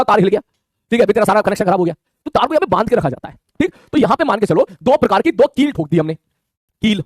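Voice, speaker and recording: A man teaching a physics lesson online, talking in a quick, colloquial way and checking in with his students constantly. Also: high voice, dry recording, studio quality. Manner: rapid colloquial Hindi, calls students "mere bhai", frequent "theek hai".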